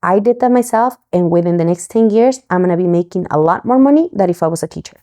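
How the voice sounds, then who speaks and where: A woman from Mexico, a podcast guest, telling her story in a lively way and acting out the voices of the people she quotes. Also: lowish voice, quick pace. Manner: animated, acts out quoted voices.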